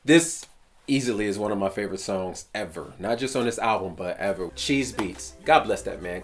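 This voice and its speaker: A man casually and playfully talking through the songs of his own album, lively and animated. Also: lowish voice. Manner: playful, animated, puts on voices. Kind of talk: casual talk to camera.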